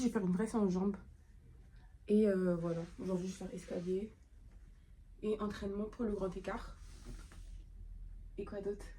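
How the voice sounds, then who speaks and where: A woman's voice: medium pitch, darkish tone, slight background noise. A woman vlogging in a casual chat, rambling and thinking aloud with lots of hesitations and playful self-talk.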